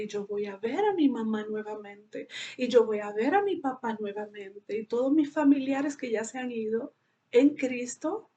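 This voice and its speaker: A woman's voice: a little high, mellow. A middle-aged woman giving an earnest, heartfelt personal religious testimony, often asking rhetorical questions.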